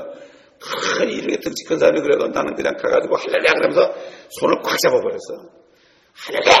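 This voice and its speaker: A male preacher tells stories to his congregation and turns often to address them directly. His voice has a gravelly edge, and it rings out in a large church hall with long reverb. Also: mid-range voice, slight background noise. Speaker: pastor. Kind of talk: sermon.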